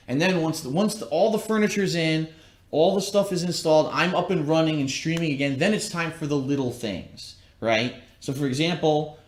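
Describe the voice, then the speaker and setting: A man streaming from a bare, newly moved-into house, his voice echoing like a cave off the empty rooms as he chats casually and rambles about his plans. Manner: rambling, plain-spoken. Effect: cavernous room echo from bare, unfurnished rooms. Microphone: laptop livestream. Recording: echoey empty room on a low-quality laptop stream.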